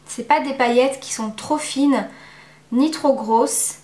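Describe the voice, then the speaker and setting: Woman chatting through a makeup review, kinda high voice, echoey room. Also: dark tone. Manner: chatty, many filler pauses. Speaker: beauty vlogger.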